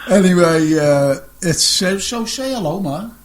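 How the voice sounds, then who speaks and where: A man's voice: high voice, lively intonation, measured pace. A middle-aged man hosting a casual radio chat show, rambling and joking and laughing often.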